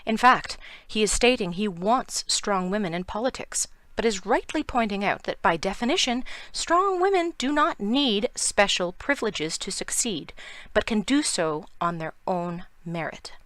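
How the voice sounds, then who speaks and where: Sarcastic Canadian woman, lively delivery. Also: mid-range voice, unhurried, no room sound. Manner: sarcastic, emphatic. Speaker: commentary video host. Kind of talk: scripted opinion monologue.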